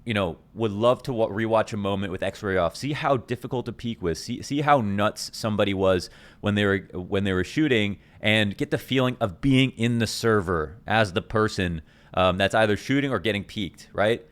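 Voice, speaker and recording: A man's voice: lowish voice, moderate pace. A man who coaches esports, chatting casually and enthusiastically to his channel's viewers, rambling and correcting himself as he goes. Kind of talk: casual talk to camera.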